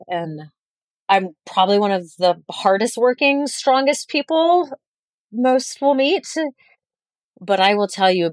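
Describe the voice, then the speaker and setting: Earnest chef in her forties, low voice. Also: no room sound. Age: 40s. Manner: earnest and reflective, with restarts. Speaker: chef and guest. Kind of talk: podcast interview.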